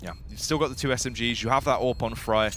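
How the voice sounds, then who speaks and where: A man commentating live on a shooter match as an esports caster, excitable and urgent as play unfolds. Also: medium pitch, quick pace. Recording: gunfire and game noise behind voice. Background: shooter game gunfire and clicks.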